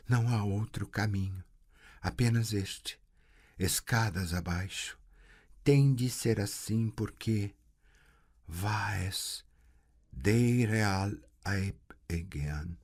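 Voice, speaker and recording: A man voicing a young girl who speaks calmly with a slight tremble, eerie and distant. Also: fairly low pitch, extremely slow, pauses often, voice pushed up. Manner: calm, trembling.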